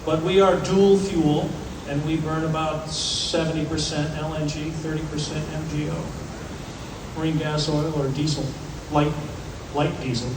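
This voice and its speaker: A man speaking as a ship's captain, answering audience questions informally, in a conversational way with deliberate pauses. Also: a little high, steady tone. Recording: echoey venue, distant, clearly noisy ambience.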